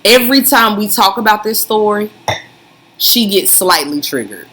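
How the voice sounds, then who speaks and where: A woman's voice: medium pitch, animated, moderate pace, a bit bright. A young adult woman co-hosting a casual chat, with teasing, laughing banter. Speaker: co-host.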